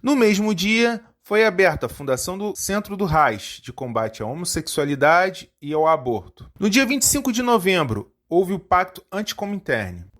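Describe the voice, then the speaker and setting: A man hosting a history channel, reading out a lecture steadily and slowing down on foreign terms. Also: sits high, big pitch swings, a bit bright.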